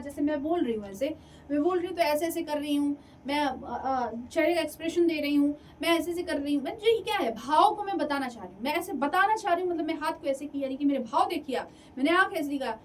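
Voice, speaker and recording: A woman with a high voice teaches an exam-prep lecture, repeating key points and checking that her listeners follow. She sounds a little distant from the mic, with a faint hiss of background noise. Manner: lively, repeats and checks for understanding.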